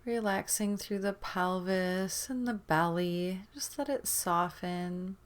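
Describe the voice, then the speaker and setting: Speaking at a medium pitch, a woman leads a guided meditation in a calm, soothing way, letting long silences fall between her phrases.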